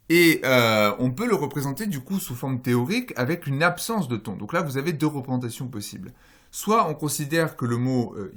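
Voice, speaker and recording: A man giving a recorded university lecture, explaining slides one step at a time, with frequent "euh" fillers, self-corrections and questions he then answers himself. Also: medium pitch. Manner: explanatory, walks through slides and tables step by step; poses and answers his own questions. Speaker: phonology lecturer.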